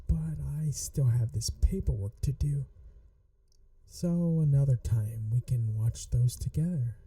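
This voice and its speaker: Here a woman voices an adorkable, flirtatious female manager for an ASMR roleplay, delivering an acted monologue to the listener in a full character voice. Her bass tone is very soft and dark, fond and teasing, coaxing at an unhurried pace that swells and falls expressively before dropping into whispers. The sound is dry and close-feeling with no echo, even though she's far from the microphone.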